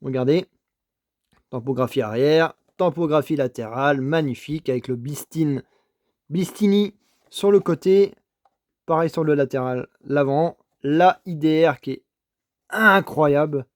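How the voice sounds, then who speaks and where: A man's voice: on the high side, a little slow, no room sound, studio quality. A man talking casually as he shows off his toy car finds, full of repeated enthusiastic praise, stammering and restarting as he goes, at his home desk setup. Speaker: toy car collector vlogger. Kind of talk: casual unboxing commentary.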